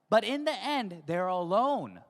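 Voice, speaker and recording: A woman's voice: mid-range voice, animated, slow pace. A woman giving a motivational stage talk in short chunks, often checking in with the audience with "yes?". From United States. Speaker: motivational speaker at a business event. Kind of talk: stage speech with consecutive interpretation. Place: large hall stage. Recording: hall with long reverb.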